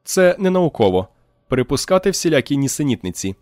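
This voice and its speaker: A man reading an audiobook, putting on a higher voice for a touchy, self-satisfied male technician who bursts out indignantly. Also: lively intonation, a little fast, a little mellow, dry recording, studio quality, faint music behind, close to an everyday voice. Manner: shrill, indignant outbursts.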